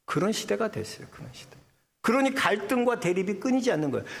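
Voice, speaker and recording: Animated high-voiced male pastor preaching. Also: gravelly. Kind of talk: sermon.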